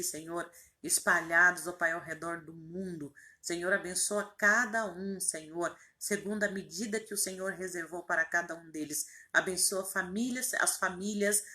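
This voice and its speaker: A woman's voice: on the low side, pushed and bright. A woman, a pastor leading a fervent spoken prayer with repeated invocations and rising emphatic phrases.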